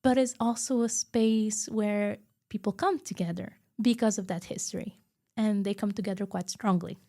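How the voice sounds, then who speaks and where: Mellow-voiced woman researcher, reflective. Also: medium pitch, fairly even intonation. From Macau. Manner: thoughtful, slow, searching for words. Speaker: heritage researcher, guest. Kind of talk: reflective interview talk.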